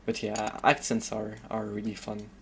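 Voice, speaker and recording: Gravelly and lowish, this man's voice stays monotone at a normal pace, with a little hiss or hum in the recording. He's a French-accented streamer from Paris's southern suburbs, chatting casually as he plays and thinking out loud with plenty of hesitant fillers.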